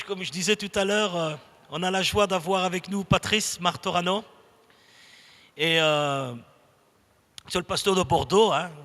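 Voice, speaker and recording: A man's voice: high-pitched, pushed and bright. A man introducing the guest pastor to his church in a casual, joking and hesitant way. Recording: church hall reverb.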